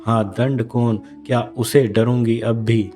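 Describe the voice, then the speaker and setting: A man reciting the lines of a proud yet repentant queen mother in solemn, measured verse. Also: medium pitch, level tone, warm tone, natural voice. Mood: remorseful.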